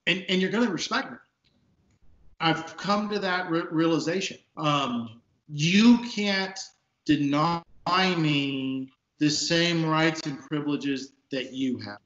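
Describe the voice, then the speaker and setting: A man in his fifties from Texas, a police sergeant, speaking as an interview guest in earnest, emphatic talk with a big booming voice, recorded on a video call from an office. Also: slow pace, fairly bright tone. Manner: emphatic, repeats words when stressing a point. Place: office at a desk. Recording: echoey, dull video call audio.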